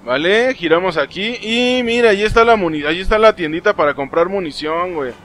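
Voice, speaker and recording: A young man with a Mexican Spanish accent, giving live gameplay commentary, excitable and swearing often as he talks to game characters. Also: sits high, a little fast, a little hiss or hum. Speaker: gaming streamer.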